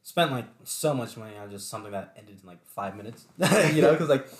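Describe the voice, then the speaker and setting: A young man co-hosting a podcast, telling a story in a relaxed, laid-back casual chat. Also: medium pitch, fairly quick. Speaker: podcast co-host. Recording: echoey room.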